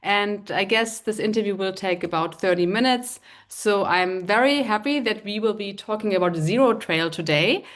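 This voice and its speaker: A woman's voice: medium pitch, normal speed. A woman with a German accent hosting a live online interview, speaking hesitantly with many fillers. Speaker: host.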